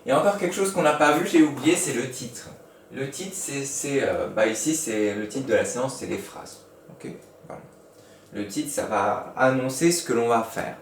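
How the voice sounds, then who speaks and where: A man's voice: medium pitch, animated, slight background noise. Male schoolteacher, patient explainer for small children; recorded away from the mic in a reverberant room. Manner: patient, slow, spells out each step. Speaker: primary school teacher. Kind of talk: recorded lesson for young pupils. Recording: echoey room, mic at a distance.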